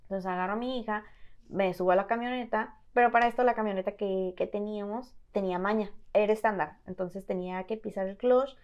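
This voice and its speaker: A woman from Mexico telling her own story as a guest in an interview, halting and full of fillers and restarts. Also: mid-range voice, steady tone, darkish tone, highs cut off. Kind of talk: personal testimony in an interview.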